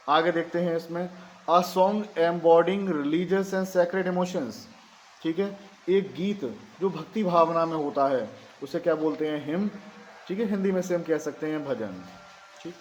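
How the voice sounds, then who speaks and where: Indian man teaching in a measured voice. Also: on the high side, darkish tone, a little hiss or hum. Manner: reads English lines slowly for dictation, explains in Hindi; asks questions and answers them himself, says "theek hai" often. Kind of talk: exam-prep grammar lesson.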